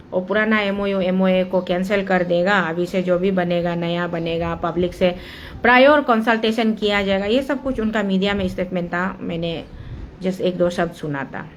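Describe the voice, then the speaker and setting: The woman's mid-range voice carries an Arunachal Pradesh accent and a bit of hiss or hum. Campaigning on a local dam issue, she passionately walks through a procedure step by step, her Hindi sprinkled with English phrases.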